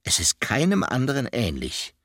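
Man doing a bemused little male hedgehog, children's audiobook, gravelly lively voice. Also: medium pitch, moderate pace, no echo, clean studio sound, heavily acted. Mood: puzzled. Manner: wondering, exclaiming. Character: puzzled gentle male hedgehog. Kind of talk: audiobook character voice.

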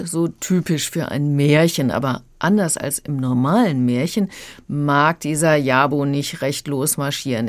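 A woman's voice: sits low, a little mellow. A woman reviewing a children's book on the radio, explaining thoughtfully. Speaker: book critic.

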